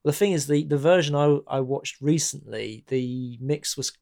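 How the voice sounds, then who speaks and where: A man's voice: on the high side, normal speed, gravelly, dark tone. A man in casual chat about a film, hesitant and full of restarts, laughing often. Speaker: podcast guest discussing a film.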